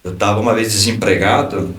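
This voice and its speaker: A man in his fifties with a Brazilian Portuguese accent, a lawyer and pastor giving an animated personal testimony on a podcast, stumbling and restarting as he goes. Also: on the low side, a little fast. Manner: animated storyteller, acts out dialogue, frequent restarts. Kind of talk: personal testimony in casual conversation. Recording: echoey room, distant from the mic.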